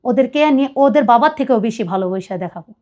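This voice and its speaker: Woman, high voice, earnest, pleading tone, personal confession. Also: animated, quick pace, darkish tone. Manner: earnest, pleading, quotes others at length. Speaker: guest telling her life story.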